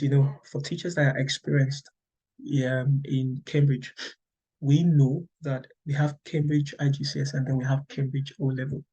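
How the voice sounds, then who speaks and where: A middle-aged Nigerian English teacher, a native Yoruba speaker, explains exams to fellow teachers in a conversational lecture, often restarting and checking in with "okay". His voice is fairly high, darkish and slightly rough, on a rough recording.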